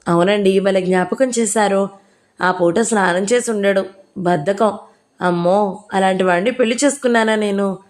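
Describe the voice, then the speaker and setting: A woman's voice: mid-range voice, normal speed, natural voice. A woman voicing a timid, educated young bride who talks in a meek, apologetic way. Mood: amused.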